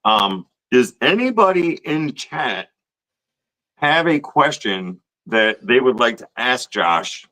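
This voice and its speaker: Male co-host, bright forceful tone, friendly and chatty. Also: medium pitch, very animated, slow, poor audio. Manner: friendly, reads out names of channel members. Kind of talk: casual live stream chat.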